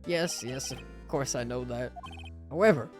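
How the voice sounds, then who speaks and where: A woman voicing a pompous older male lawyer who hems, haws and clears his throat evasively. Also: a bass voice, moderate pace, music in the background. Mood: stuffy.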